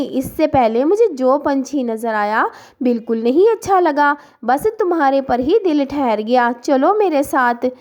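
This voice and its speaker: A woman voices a scheming, sweet-talking female kite bird in a cartoon story, coaxing her prey with gushing flattery. Her voice is high and the sound is lo-fi.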